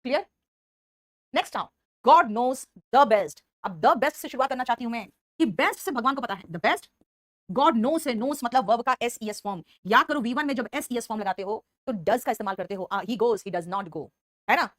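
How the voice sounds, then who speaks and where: A woman with an Indian accent teaching English grammar in an online class. She explains step by step, slowly repeats the example sentences and praises students by name. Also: fairly high pitch, lively intonation, dry recording, studio quality.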